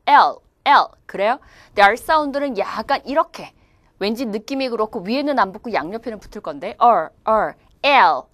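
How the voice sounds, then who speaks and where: Animated woman teaching pronunciation. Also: fairly high pitch, dry recording. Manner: animated, demonstrates pronunciation playfully. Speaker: English test instructor. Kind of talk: lively classroom lecture.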